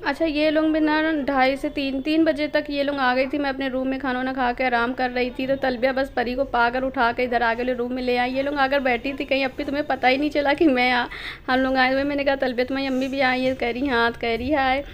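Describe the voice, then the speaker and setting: A woman's voice: high voice, flat delivery, fairly quick, slight background noise. A woman chatting casually to her viewers as she narrates her day in a home vlog. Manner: chatty, explains to viewers directly. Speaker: vlogger.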